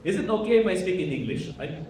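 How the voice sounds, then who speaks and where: Casual lecturer from the Philippines, slightly high voice, live room with crowd noise. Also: male voice, lively intonation, quick pace. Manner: casual, code-switches with Tagalog fillers, asks the room questions. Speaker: Hokkien language instructor. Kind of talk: workshop lecture to a live audience. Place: large echoey room with audience. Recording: echoey hall with crowd.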